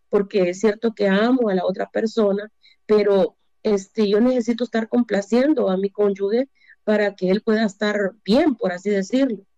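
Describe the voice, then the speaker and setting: A woman's voice: medium pitch, dark tone, dry recording. A Salvadoran woman in her fifties giving a relationship advice talk, posing rhetorical questions and answering them with hesitant fillers. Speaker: relationship speaker. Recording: dull lo-fi dry recording.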